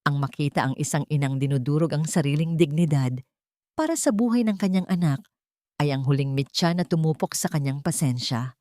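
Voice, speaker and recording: A woman's voice: deep voice, darkish tone, no room sound, clean studio sound. A woman telling a dramatic story in scripted narration, shifting her voice a little for the characters.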